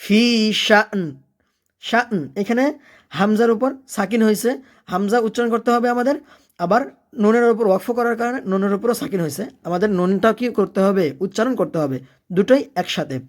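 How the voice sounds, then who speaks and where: A Quran recitation teacher giving a step-by-step lesson. The teacher chants each word in a slow, long-drawn way, then explains the rule quickly and asks and answers their own questions. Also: mid-range voice, a little mellow. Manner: leads the learner, asking and answering its own questions.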